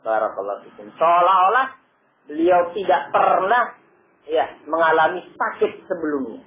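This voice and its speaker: A male preacher giving an Islamic study lecture, telling stories lively and adding frequent blessings between lines. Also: high-pitched, normal speed, a crowd in the background. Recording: lo-fi phone-like audio with faint noise.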